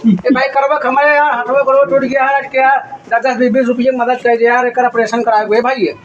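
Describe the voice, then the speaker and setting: A man's voice: very high voice, level tone, fast, dull audio. A man with an Awadhi accent playing a scheming, pleading beggar with a sob story in a village comedy skit.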